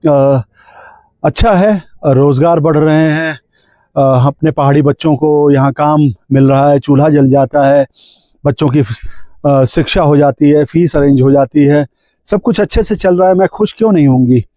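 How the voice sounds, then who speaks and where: A man voicing a gentle feminine spirit of a mountain place, speaking softly and hesitantly. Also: a little high, normal speed, no echo, natural voice. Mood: wistful.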